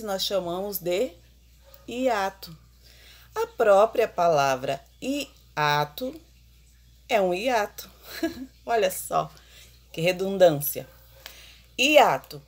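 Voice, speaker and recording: A woman teacher giving an online grammar lesson, explaining slowly and putting questions to the class. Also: medium pitch, a little mellow.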